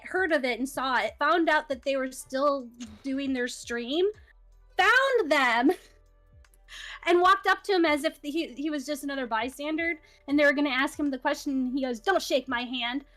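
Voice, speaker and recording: A woman in casual chat, retelling a story in an animated way with laughs. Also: high voice, normal speed, faint music behind.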